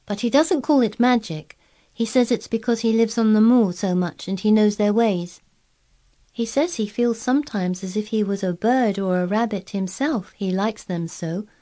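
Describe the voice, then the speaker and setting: Woman reading stubborn young girl, blunt and earnest, raised mellow voice. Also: medium pitch, moderate pace, pitched above the performer's own voice, natural voice. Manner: obstinate, earnest, eager describing.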